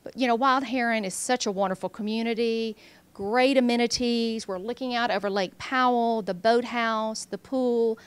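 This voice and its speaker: Lady realtor doing a house tour voiceover, kinda high voice, informal, just listing features. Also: steady tone, moderate pace, clean tone. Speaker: real estate agent and show host. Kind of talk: property tour narration.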